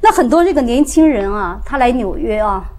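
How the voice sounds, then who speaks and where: A woman's voice: fairly high pitch, expressive, fairly quick, darkish tone. A woman hosting a television programme, presenting and interviewing as a native Mandarin speaker. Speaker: TV programme host.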